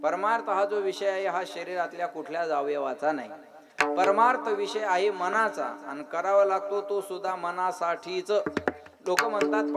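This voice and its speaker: A man giving a devotional kirtan sermon, quizzing and teasing his listeners and chanting verse lines slowly, with a live audience behind him. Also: sits high. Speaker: kirtan preacher. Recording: live crowd audible behind.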